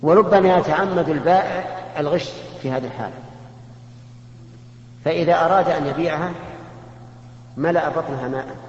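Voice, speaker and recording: A man, a religious scholar answering questions in a measured, explanatory way with rhetorical questions. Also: on the high side, a little mellow. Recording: echoey hall, muffled lo-fi tape with faint hum.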